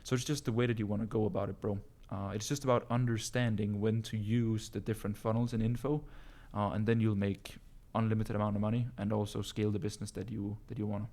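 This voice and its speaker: A business coach from Denmark, a native Danish speaker, answers viewer questions casually in a live Q&A. His lowish, slightly mellow voice has a flat delivery, and he often calls listeners bro while pausing with um and uh.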